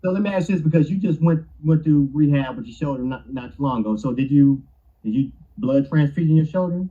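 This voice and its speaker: A man's voice: a little high, fast talker, dark tone, dull audio. A man co-hosting a talk show who asks questions and often restarts his sentences. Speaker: podcast co-host. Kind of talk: casual chat.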